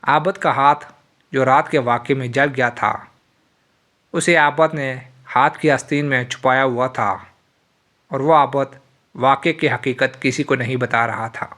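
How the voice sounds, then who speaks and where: A man narrating a religious moral tale in a solemn, steady storytelling voice. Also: mid-range voice.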